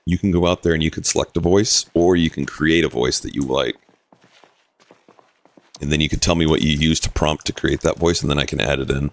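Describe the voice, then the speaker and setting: Deep-voiced man streaming a game. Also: fairly quick. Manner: relaxed, explains game rules while answering chat. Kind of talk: casual live-stream commentary.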